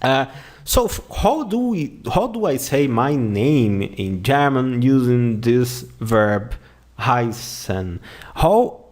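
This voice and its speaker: Guy teaching beginner german in english, portuguese is his first language, talks real slow, middle-pitched voice, patient, repeats words a lot. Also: very animated, darkish tone. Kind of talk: online language lesson.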